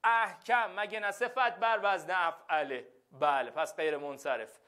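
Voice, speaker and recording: A man's voice: high-pitched, bright, forceful tone. A male teacher giving a classroom lesson, repeating phrases and often checking that the students follow.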